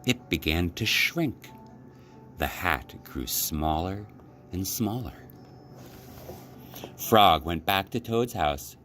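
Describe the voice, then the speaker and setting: Soft music plays behind a low-voiced man reading a children's story aloud. He delivers it like a library storyteller, phrasing each line expressively and deliberately.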